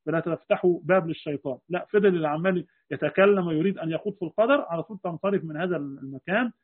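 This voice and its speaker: A man's voice: on the high side, very fast. A man with an Egyptian Arabic accent teaching a creed lesson as a religious teacher, explaining with rhetorical questions. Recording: tinny phone-like lo-fi recording.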